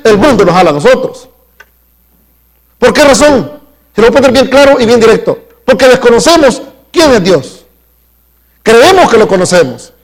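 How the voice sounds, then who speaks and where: High-voiced man preaching a sermon. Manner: calls questions out to the congregation; emphatic, slows down to stress key words. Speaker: pastor. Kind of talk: live sermon. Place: church sanctuary.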